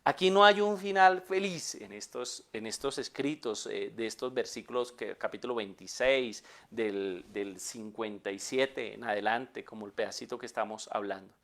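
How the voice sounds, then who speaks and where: A middle-aged man, preaching a sermon as pastor, shifting between loud urgent peaks and quiet low asides. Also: moderate pace, hardly any pauses.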